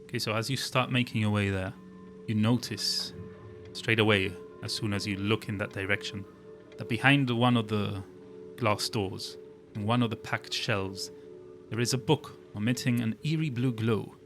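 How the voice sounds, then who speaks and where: A man with a fairly low voice acts as game master, narrating scenes descriptively for a tabletop game. Soft music plays underneath. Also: moderate pace.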